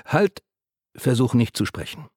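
A man voicing a gentle, chatty caretaker who speaks soothingly to a patient. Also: medium pitch, a little slow, vocal fry, no room sound, studio quality. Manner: soothing, patient, overly talkative.

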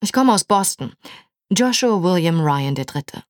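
A woman's voice: lowish voice, animated, unhurried, dry recording, clean studio sound. A woman voicing a polite, easygoing young American man in an audiobook. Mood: friendly.

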